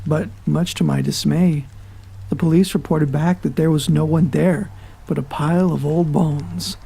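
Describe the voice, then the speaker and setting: A man narrating a horror story in a steady, deliberate way. His voice is gravelly and mellow, pitched a little high for a man. Faint music plays behind him. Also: low-quality recording.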